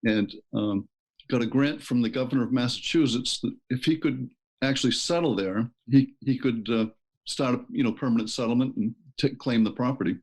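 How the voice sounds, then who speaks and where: A man's voice: mid-range voice, moderate pace, a little mellow, breathy edge. A middle-aged man from Maine, a book author telling family history in a casual interview, rambling with many ums and restarts. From Maine, USA. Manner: rambling, hesitant with many fillers. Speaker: author guest.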